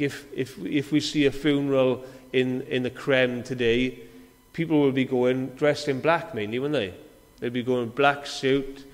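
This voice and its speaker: A man giving a conversational sermon to a congregation, often restarting and repeating words and putting questions to the listeners. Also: medium pitch. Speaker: preacher. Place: church hall before a congregation. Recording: long reverb of a large hall.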